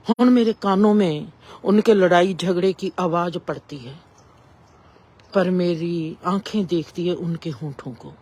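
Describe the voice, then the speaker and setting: Slow, husky woman. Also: on the low side, a little mellow. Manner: slow, measured, with long pauses. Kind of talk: reflective spiritual storytelling.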